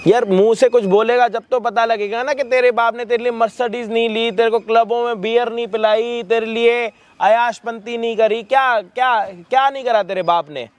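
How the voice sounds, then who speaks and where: A man hosting a staged prank video, scolding loudly, repeating words and swearing. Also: extremely high pitch, steady tone, normal speed, hardly any pauses, no echo.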